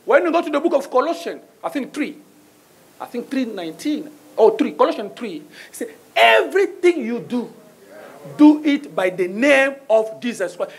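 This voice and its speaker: This guest preacher, a middle-aged man with a French accent, sermonizes from a pulpit on a small sanctuary stage, using a handheld mic. His extremely high, fairly bright, creaky voice swings widely in pitch at a moderate pace. He repeatedly calls "Amen?" to the congregation, inviting a response.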